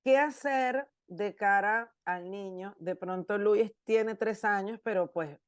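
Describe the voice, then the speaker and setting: A woman's voice: mid-range voice, takes it slowly, clear, resonant tone, no room sound, clean studio sound. A woman co-hosting a podcast, asking curious, informal questions. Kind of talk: podcast conversation.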